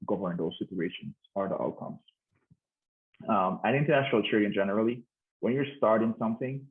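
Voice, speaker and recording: A man in his thirties giving a conference talk, hesitant, with many restarts and fillers. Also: on the low side. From Jamaica. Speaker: conference speaker. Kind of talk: informal presentation. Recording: tinny phone-like line.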